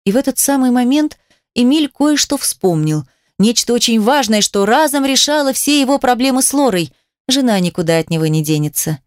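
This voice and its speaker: A woman reading a romance novel aloud in an even, measured storytelling voice. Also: fairly high pitch, no room sound, studio quality. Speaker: audiobook narrator. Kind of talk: scripted narration of a romance novel.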